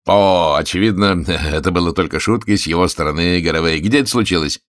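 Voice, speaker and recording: Brief: man doing a calm commanding gentleman, low measured voice, audiobook. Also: no echo, clean studio sound. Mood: soothing. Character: calm, authoritative male gentleman, self-assured.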